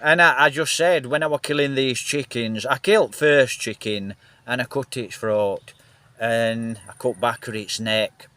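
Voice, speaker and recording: A man's voice: mid-range voice, steady tone, unhurried, pushed and bright, no echo. A man with a Northern English accent chatting casually into a phone, rambling and repeating himself with lots of fillers. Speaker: vlogger. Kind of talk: casual rambling vlog chat. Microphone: phone held in hand, then on a gimbal.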